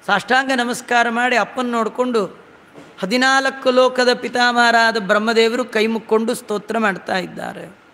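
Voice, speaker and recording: A man giving a devotional storytelling sermon, chanting verses slowly and then explaining them in plain talk with humorous asides. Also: extremely high pitch, steady tone, bright, forceful tone. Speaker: religious discourse speaker. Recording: long hall reverb.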